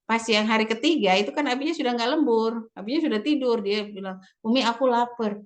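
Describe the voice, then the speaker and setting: Woman, religious teacher, parents' seminar talk, lively storytelling, quotes her kids, laughs often, slightly high voice. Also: quick pace. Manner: often laughs while talking.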